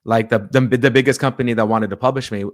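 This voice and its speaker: Relaxed and conversational, this pastor-publisher recounts events to an interviewer at a quick pace and medium pitch. He slips into the voices of the people he quotes and frequently repeats words as he restarts sentences.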